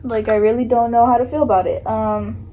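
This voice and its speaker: A woman's voice: a little high, little pitch movement, a little fast, highs cut off. Chatty, nervous young woman vlogger. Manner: chatty, nervous, lots of likes and ums. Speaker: beauty vlogger. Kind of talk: casual makeup tutorial chat.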